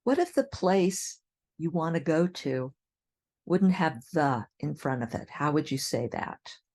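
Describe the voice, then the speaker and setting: An American woman gives an English pronunciation lesson at a very unhurried pace. Her voice sits a little low, and she drills example phrases over and over with careful, deliberate delivery. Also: animated, a little mellow. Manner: models example sentences, repeating drills. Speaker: English teacher. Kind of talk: slow, clear pronunciation lesson.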